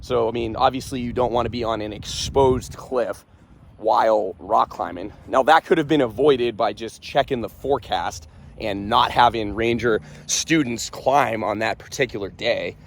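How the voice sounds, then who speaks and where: A man's voice: medium pitch, normal speed, gravelly, a little hiss or hum. A young man speaking candidly and earnestly about his own Army experience, in a casual storytelling way. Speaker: vlogger and Army veteran. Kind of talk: casual first-person storytelling.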